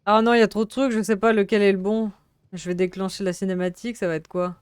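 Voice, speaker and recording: A woman's voice: medium pitch, fairly even intonation, quick pace, clean tone, dry recording. A woman gaming streamer giving casual let's-play commentary, chatty and giggly, slipping in English phrases and reading game notes aloud.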